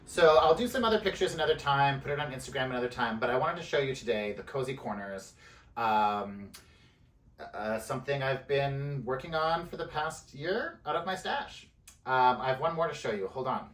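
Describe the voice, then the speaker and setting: A man's voice: medium pitch, animated, moderate pace, fairly bright tone. A man vlogging casually to camera, chatty and rambling, with frequent fillers and small laughs. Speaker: knitting vlogger. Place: indoors, away from home.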